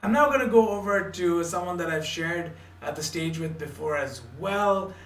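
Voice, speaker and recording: A man hosts an online panel, speaking in a polished manner with a slightly high voice. His voice sounds roomy and a little distant from the mic. A faint hum sits behind it. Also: moderate pace, fairly bright tone. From Canada. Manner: polished, quotes proverbs. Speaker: panel moderator. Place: home office in Ontario.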